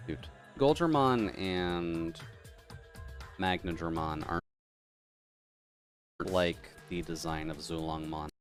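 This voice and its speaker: Male live streamer, low-pitched with metallic robot processing, chatty off-the-cuff gameplay commentary over music. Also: takes it slowly, pauses often. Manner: chatty, mutters while playing, reads chat aloud. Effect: metallic tin-can robot voice filter.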